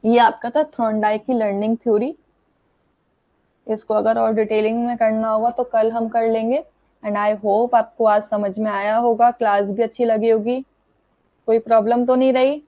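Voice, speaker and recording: Woman teacher explaining a lesson, kinda high voice, muffled dry audio. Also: little pitch movement, moderate pace, no echo. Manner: explanatory, repeats "thik hai" checks. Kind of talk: online exam-prep lecture. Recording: dull dry lo-fi sound.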